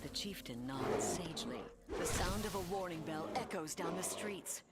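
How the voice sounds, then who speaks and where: A woman's voice: fairly low pitch, animated, normal speed, loud music behind the voice. A woman reading scripted fantasy narration as the narrator of a game.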